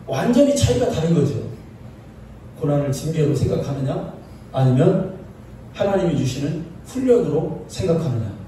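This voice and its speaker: A male pastor delivers a lively, conversational sermon, calling out to his congregation and slipping into the voices of the people he quotes. His voice sits a little high yet sounds dark and mellow. It rings through a very echoey church and is picked up from a distance, over a faint hiss. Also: moderate pace. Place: church sanctuary.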